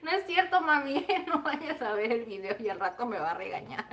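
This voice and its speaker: A woman's voice: on the high side, expressive, a little slow, fairly bright tone, a little hiss or hum. A woman in her thirties with a Mexican Spanish accent, hosting a cooking livestream and chatting casually with her viewers, giggling often. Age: 30s. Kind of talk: casual live chat with viewers.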